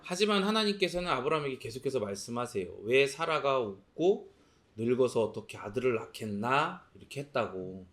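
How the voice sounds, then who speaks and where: A male pastor preaching a sermon, asking rhetorical questions and answering them himself. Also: mid-range voice. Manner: acts out quoted lines in a sharp voice.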